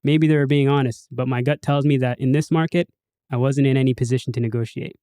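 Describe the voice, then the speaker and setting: A man's voice: medium pitch, fairly even intonation, fast talker, mellow, clean tone, no echo, studio quality. A man hosting a podcast in casual chat, reading listener posts aloud and putting on a bigger host voice for sign-offs.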